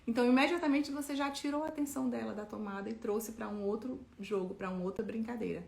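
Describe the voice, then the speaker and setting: A woman gives parenting advice straight to the listener, chatty and explanatory, checking in with little tag questions as she goes. Her voice sits on the higher side, and the room gives it a noticeable echo. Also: fast talker, gravelly, a little mellow. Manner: conversational, many tag questions. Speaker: parenting educator. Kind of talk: explaining parenting tips to camera.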